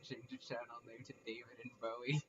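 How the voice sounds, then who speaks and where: A man's voice: mid-range voice, level tone, a little fast, fairly bright tone, highs cut off. Easygoing man on a distant noisy mic. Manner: easygoing, chatty, laughs often. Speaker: guest. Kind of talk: casual chat.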